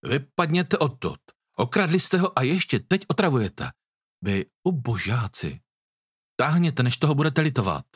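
A man's voice: mid-range voice, big pitch swings, breathy edge, no echo, studio quality, pitched above the performer's own voice. A man reading the part of a commanding young man standing up for his friend. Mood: indignant. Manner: stern, commanding. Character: young man, protective and threatening.

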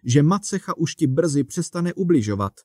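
A man's voice: on the high side, expressive, darkish tone, breathy edge, no echo, studio quality. A man reading the part of a pushy, self-satisfied manager in a striped suit, talking like a salesman. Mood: bossy. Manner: brisk, salesman-like, lecturing.

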